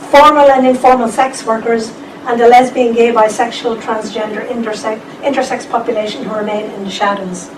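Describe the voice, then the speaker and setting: A woman gives a lively seminar presentation, turning to the audience with asides now and then. Her voice sits a bit high. The recording is roomy and distant, with steady noise behind her. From Ireland. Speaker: conference speaker. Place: lecture room. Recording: echoey room, distant mic, background noise.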